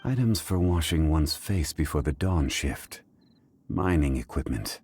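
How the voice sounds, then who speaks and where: An actor playing a composed, scholarly gentleman investigator in a video game, speaking in a formal, measured, analytical way. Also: extremely low pitch, expressive, a little hiss or hum. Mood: calm, analytical. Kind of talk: video game character dialogue.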